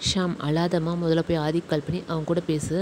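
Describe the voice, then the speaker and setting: A woman voicing Shyam, a young man who calmly and firmly reassures his family. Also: deep voice, brisk, slight background noise, close to an everyday voice, low-quality recording. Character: young husband, caring brother-in-law.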